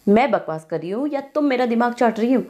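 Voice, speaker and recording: A woman's voice: on the high side, expressive, fairly quick, pitched above the performer's own voice, lightly acted. A woman doing a furious quarrelsome young sister. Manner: sharp, snapping, indignant.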